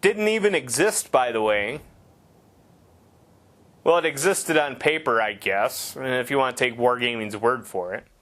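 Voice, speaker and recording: A man's voice: mid-range voice, expressive, unhurried, a bit bright. A man giving casual gameplay commentary, rambling and sarcastic with heavy swearing.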